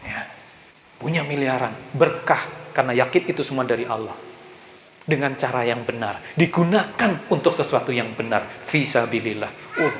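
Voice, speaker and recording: A man's voice: mid-range voice, a bit bright, slight background noise. A man giving a rousing religious business motivation talk in a mosque, asking the audience questions. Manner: rousing, asks the audience questions, acts out prayers. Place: mosque hall. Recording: echoey, dull hall recording.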